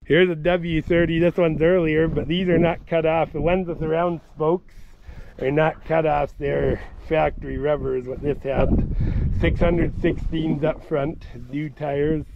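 Speaking a little high and a little slowly with vocal fry and fairly even intonation, a tractor vlogger gives casual, plain-spoken commentary while touring an outdoor farm auction, thinking aloud and restarting sentences often. The audio from his hand-carried wide-angle camera is dull, with a noisy background.

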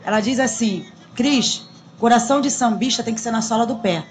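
A woman, talking in a lively, chatty way as a guest in a small radio studio. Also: fairly high pitch, a little fast, a little hiss or hum. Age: 40s. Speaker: samba school drum queen guest. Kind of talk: casual radio interview. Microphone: studio boom mic.

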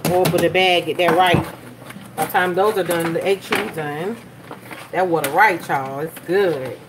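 A young woman with a lowish voice runs a live cooking stream from her home kitchen, talking at a normal pace as she cooks. She chats away, reading viewer comments and thanking people by name. The phone camera is held over the stove, so the audio picks up background noise.

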